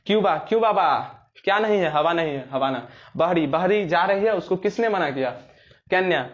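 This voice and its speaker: On a muffled recording, a young man with a high, expressive voice and moderate pace shares memory tricks for exams. He tells playful little stories and plays out scenes in rustic dialect.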